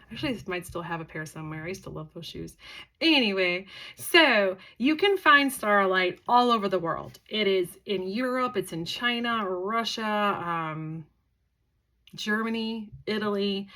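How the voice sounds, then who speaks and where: A woman's voice: mid-range voice, bright, forceful tone. A tired young woman, a psychic medium, chatting casually to camera about a crystal. She rambles and wanders off on tangents, with many fillers. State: tired, yawning.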